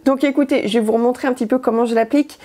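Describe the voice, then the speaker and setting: A woman's voice: fairly high pitch, fairly even intonation, very fast, warm tone. A woman chatting casually through a makeup tutorial, hesitant with many fillers. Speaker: beauty vlogger.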